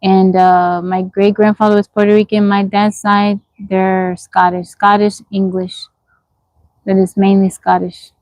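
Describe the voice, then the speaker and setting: This woman, in her forties, is livestreaming casually from the woods, going through viewer comments and replying with frankness, frequently questioning and repeating. She has a medium-pitched, darkish voice with little pitch movement and a measured pace. No echo is present.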